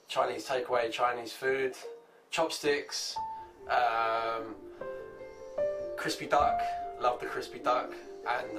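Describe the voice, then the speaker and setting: A man with a London accent rattles off short items one after another, his voice in a middle pitch. He stands some way from the mic while loud music plays under him. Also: far from the mic, rough recording. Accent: London English. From London, England. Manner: listing items in short bursts. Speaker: interviewee.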